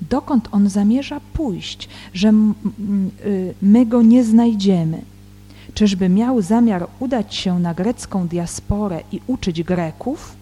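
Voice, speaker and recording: A woman acting as a Bible teacher, reading scripture aloud in a slow, deliberate way and then explaining it with some hesitant fillers. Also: medium pitch, warm tone, breathy edge. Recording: long reverb with faint background music.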